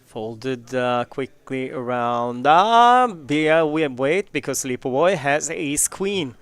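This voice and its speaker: Male play-by-play poker commentator, smooth clean voice, unhurried delivery. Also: medium pitch.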